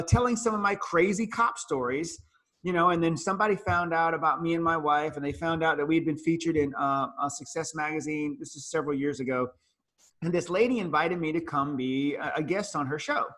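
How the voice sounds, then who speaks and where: A man giving a talk at a business luncheon, telling his story in a lively, animated way and acting out the lines he quotes. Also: a little high. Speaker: featured speaker.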